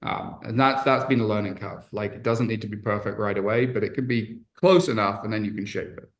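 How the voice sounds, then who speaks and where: A man's voice: fairly low pitch, brisk. A man from England, a podcast guest and entrepreneur, speaking candidly and reflectively in casual conversation, with frequent fillers and restarts.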